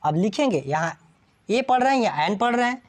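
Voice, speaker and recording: Lively woman teaching a grammar class. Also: on the high side, a little fast. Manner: asks students constant check questions. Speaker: English teacher.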